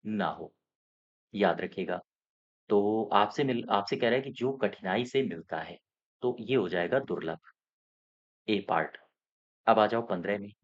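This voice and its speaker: A male exam coaching teacher with a fairly low voice goes through mock test answers. He repeats the key points and keeps checking that his students are following. The sound is muffled and lo-fi.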